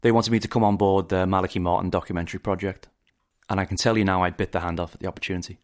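A man in his forties with a Liverpool accent, a film director hosting a podcast in measured, reflective narration. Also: low voice, fairly even intonation. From England.

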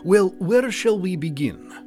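An actor playing a reserved foreign adventurer and war veteran who speaks formally, without contractions. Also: male voice, sits high, animated, a little slow, over music.

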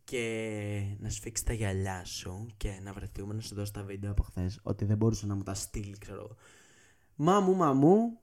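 Man, casual comic storytelling, swears a lot, animated, acts out the lines. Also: fairly low pitch. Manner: profane, animated, acts out dialogue.

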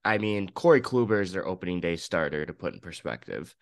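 A young man co-hosting a casual sports podcast, excited and opinionated, in his morning voice. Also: deep voice, brisk, vocal fry, dry recording, clean studio sound. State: just woken up, morning voice. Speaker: podcast co-host.

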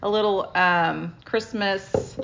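A woman's voice: medium pitch, steady tone, takes it slowly, vocal fry, lo-fi sound, background noise. A middle-aged woman co-hosting a podcast in casual chat, laughing often, recorded on a phone. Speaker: podcast co-host.

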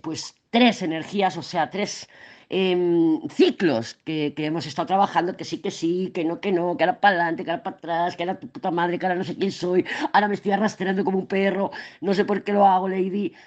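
A woman's voice: on the low side, steady tone, a little fast, darkish tone, dull audio. A woman with a Spain Spanish accent giving a casual tarot reading, chatty and rambling, swearing freely as she talks. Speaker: tarot and astrology reader.

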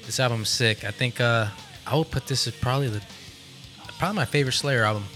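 A man's voice: medium pitch, fast talker, pushed and bright. A man co-hosting a casual podcast, laid-back and profane, rambling about music. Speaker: podcast co-host. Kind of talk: casual chat.

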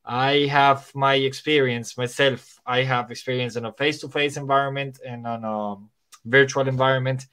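On a casual podcast, a Spanish-born English teacher speaks at normal speed in a mid-range voice that's fairly even, a bit bright, and clean. His English has a Spanish accent touched by Irish and American sounds, and his talk rambles with many restarts and fillers.

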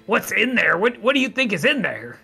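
Bright-voiced male tabletop player. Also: high-pitched, very animated, fairly quick, gravelly, husky, faint music behind. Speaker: player in a tabletop role-playing game. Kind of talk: casual in-game banter.

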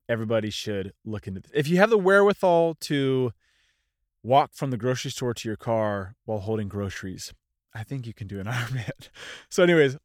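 Casual solo podcast talk from its host, a man in his thirties who speaks loosely in one unscripted take and pokes fun at himself. His mid-range voice is a little congested and nasal. The clean studio sound has no echo.

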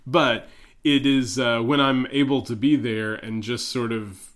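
Easygoing pastor co-hosting a chat. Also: male voice, medium pitch, steady tone, a bit bright. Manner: halting, restarts, easygoing and playful. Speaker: pastor and podcast co-host. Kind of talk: casual chat.

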